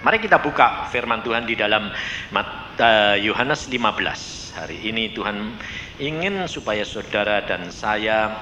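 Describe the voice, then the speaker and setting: A man with a Javanese accent preaching a sermon, telling stories and swinging between soft and loud. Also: on the low side. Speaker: pastor. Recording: echoey hall with faint noise.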